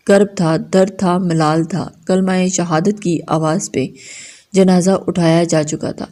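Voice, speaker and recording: A woman narrating a dramatic novel in a steady reading voice. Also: lowish voice. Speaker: novel reader.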